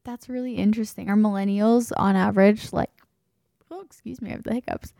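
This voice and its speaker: A woman's voice: medium pitch, fairly even intonation, fast talker, gravelly, mellow, no echo, studio quality. A young woman co-hosting a podcast in a chatty, casual way, full of fillers. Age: young adult. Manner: chatty, with frequent fillers and laughs. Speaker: podcast co-host. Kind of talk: casual chat.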